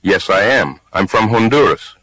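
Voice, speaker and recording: Man with a lowish voice reading course answers, swings his pitch a lot, dry sound. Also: animated, moderate pace, a bit bright, no echo, poor audio. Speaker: speaker B in language drills. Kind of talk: recorded language-course dialogue.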